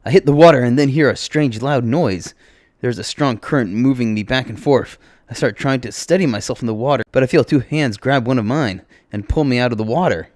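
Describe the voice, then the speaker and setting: A man narrating a story in the first person, expressive, with his voice jumping up on exclamations. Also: mid-range voice, a little fast, dry recording, clean studio sound.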